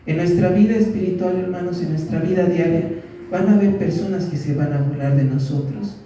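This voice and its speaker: A man's voice: high voice, fairly quick, warm tone, highs cut off, a little hiss or hum. A male pastor preaching a sermon in a church, asking his listeners questions and acting out what people said. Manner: preaching with rhetorical questions and acted quotes. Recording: very echoey church hall, mic at a distance.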